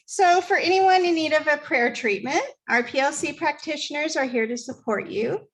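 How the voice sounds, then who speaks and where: A woman's voice: high voice, moderate pace. A woman hosting a church service, giving friendly announcements and leading the congregation in prayer.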